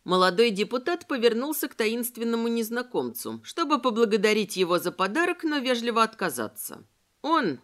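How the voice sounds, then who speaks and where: A woman narrating an audiobook in a measured, expressive storytelling manner. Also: fairly high pitch. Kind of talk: scripted narration.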